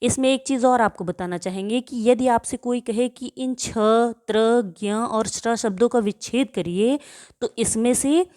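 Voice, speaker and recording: A woman's voice: fairly high pitch, mellow. A woman teacher giving a grammar lesson to children, asking questions and answering them herself, and stretching out example words so pupils can hear how they are pronounced. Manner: slow and deliberate, repeats questions and answers to drill pupils.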